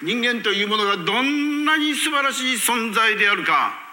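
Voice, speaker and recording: Bright-voiced man preaching in a reverberant hall. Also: very high-pitched, animated, moderate pace. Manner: emphatic preaching with sudden loud rises and quiet drops. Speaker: pastor. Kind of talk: sermon. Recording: long church reverb.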